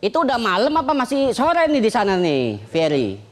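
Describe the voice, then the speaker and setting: A man's voice: high-pitched, wildly swooping pitch, moderate pace. A man co-hosting a late night talk show, playful and teasing, laughing often. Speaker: TV show co-host. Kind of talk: joking talk show banter.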